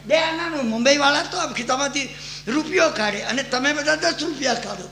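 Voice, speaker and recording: A man giving a sermon full of stories, animated and putting rhetorical questions to his listeners. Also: extremely high pitch, brisk, gravelly. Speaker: Jain preacher. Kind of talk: sermon with storytelling. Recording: echoey hall, faint noise.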